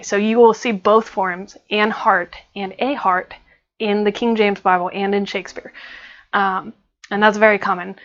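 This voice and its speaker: An American woman explains grammar in a relaxed, chatty teaching voice, often pausing on fillers. Her pitch sits in a middle range. The recording sounds a little dull and lo-fi. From United States. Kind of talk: online grammar lesson.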